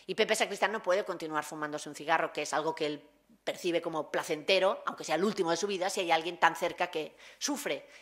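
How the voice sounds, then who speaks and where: A woman's voice: deep voice, brisk, fairly bright tone. A woman researcher giving a conference talk, retelling a short film vividly and acting out its dialogue.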